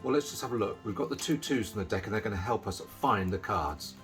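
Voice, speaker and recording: A man's voice: on the low side, expressive, fast talker, over music. A middle-aged man giving casual, chatty patter as a card magician, explaining as he handles the cards.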